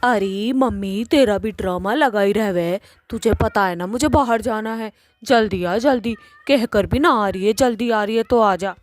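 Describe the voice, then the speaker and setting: A lovesick young witch daughter in a cartoon, voiced by a woman. She talks loudly and insistently, nagging and pleading in a mid-pitched voice. The sound is dry and close. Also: normal speed, no echo, close to an everyday voice.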